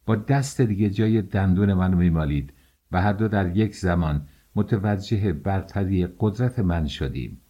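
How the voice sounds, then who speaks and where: A man reading a novel aloud as an audiobook, telling the story in a measured first-person voice. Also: low-pitched, mellow, husky, muffled recording. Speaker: audiobook narrator.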